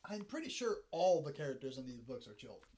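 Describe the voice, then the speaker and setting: A man's voice: mid-range voice, very animated, a little fast, mellow. A man co-hosting a comedy podcast, riffing and cracking crude jokes in casual banter. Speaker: podcast co-host.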